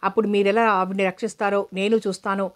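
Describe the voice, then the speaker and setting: A woman's voice: mid-range voice, flat delivery, fast, close to an everyday voice. A woman reading the lines of a stern, impatient scheming woman in a storybook reading.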